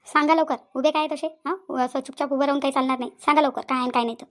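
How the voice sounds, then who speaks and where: A woman's voice: high voice, steady tone, racing, a bit bright. A woman voicing an angry elder sister in a cartoon, scolding a man. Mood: demanding. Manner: scolding, accusing. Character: angry elder sister defending her sibling.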